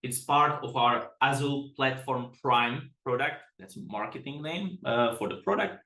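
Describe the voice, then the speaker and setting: A man's voice: medium pitch, unhurried, sharp tone. Man, from the Czech Republic, webinar presenter, chatty, self-deprecating, restarts sentences, echoey room. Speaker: product management director.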